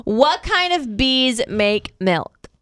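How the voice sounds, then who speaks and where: A female radio co-host with a high, very lively voice that swoops up and down as she plays with jokes. She sounds teasing and giggly, drawing out her punchlines in a sing-song way. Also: very slow, smooth, no echo, clean studio sound. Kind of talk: casual on-air banter, telling jokes.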